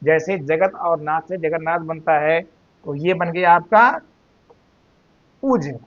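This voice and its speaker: Male Hindi teacher, high voice, unhurried drilling delivery, dull lo-fi sound. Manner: slow, drawn-out repetition of words, addresses students as "beta". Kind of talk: spelling and grammar lesson.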